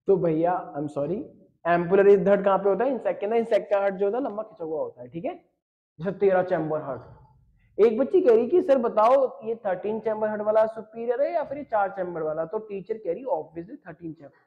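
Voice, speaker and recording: Man, high voice, biology teacher, joking and teasing, mix, dull lo-fi audio. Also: fairly quick. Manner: jokey, teasing, talks straight to students. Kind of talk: online class lecture reading chat questions.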